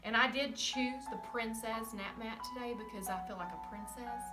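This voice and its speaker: A woman kindergarten teacher speaking from home to young children, gentle and encouraging, in a remote lesson. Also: a little high, moderate pace, distant mic. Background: soft music.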